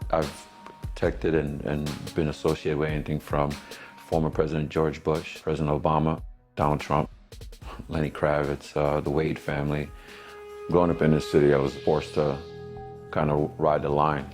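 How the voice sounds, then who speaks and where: Very deep-voiced New man. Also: monotone, moderate pace, a little mellow. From New York. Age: 40s. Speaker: security company owner. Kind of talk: documentary interview. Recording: faint music underneath.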